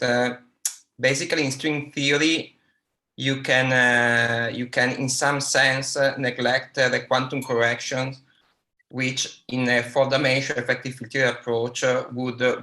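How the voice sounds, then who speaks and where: A man asking a physics speaker a question over a remote call, halting, with many fillers and restarts. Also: mid-range voice, echoey room. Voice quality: quiet at first. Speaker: audience member asking a question. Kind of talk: academic Q&A over a video link. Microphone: remote call microphone.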